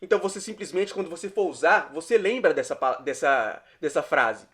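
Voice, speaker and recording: A man with a high voice gives an online language lesson. He explains patiently and repeats each phrase slowly, word by word. Keys clack faintly behind him. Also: expressive, a bit bright. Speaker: English teacher.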